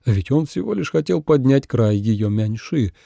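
A man narrating an audiobook with expressive storytelling. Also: mid-range voice, normal speed, vocal fry, dry recording, clean studio sound.

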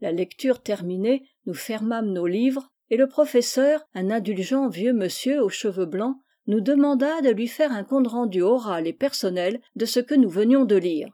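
Female audiobook reader, wry measured narration, mellow voice. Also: a little high, animated. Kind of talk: reading a humorous novel aloud.

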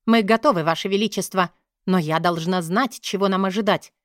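Woman doing a sharp, mocking lady commander. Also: mid-range voice, fairly quick, no room sound, clean studio sound, lightly acted.

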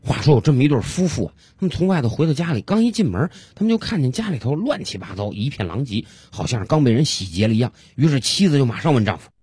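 Husky, quick male radio humor host. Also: mid-range voice, no room sound, studio quality. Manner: lively, chatty. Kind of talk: storytelling jokes on radio.

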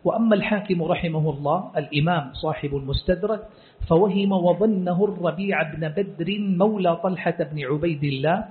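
A man teaching as a scholar, explaining a religious text in a measured, explanatory way. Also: high-pitched. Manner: measured, explanatory, quotes sources then comments. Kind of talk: classroom lecture explaining a hadith text. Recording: tinny phone-like lecture recording.

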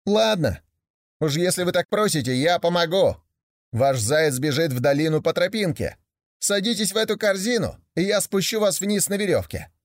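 A man voicing a sly, polite male trickster hare in a storybook reading, smooth and mock-courteous. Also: sits high, animated, moderate pace, no room sound, studio quality, pitched above the performer's own voice.

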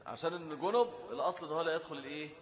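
A man's voice: fairly high pitch, rapid-fire, long reverb tail. A man with an Egyptian accent teaching a lesson on Islamic law, who keeps asking his listeners questions and then answers them himself. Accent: Egyptian Arabic. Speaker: religious teacher.

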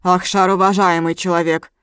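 A woman voicing an enraged, proud older brother who shouts with contempt. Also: fairly low pitch, flat delivery, moderate pace, smooth, no echo, studio quality, lightly acted. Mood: contemptuous.

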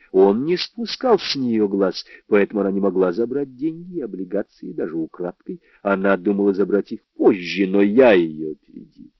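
Male audiobook narrator, low voice with lively pitch, dull dry lo-fi sound. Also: dry recording. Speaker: audiobook reader. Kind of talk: first-person novel narration.

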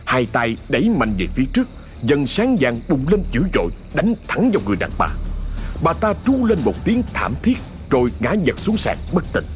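A man narrating a horror story in a dramatic, expressive scripted reading. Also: mid-range voice, moderate pace, soft background music.

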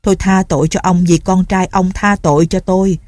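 A woman's voice: fairly low pitch, steady tone, brisk, a little mellow, no echo, clean studio sound, natural voice. A woman doing a sneering old bandit chief. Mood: taunting. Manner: taunting and mocking.

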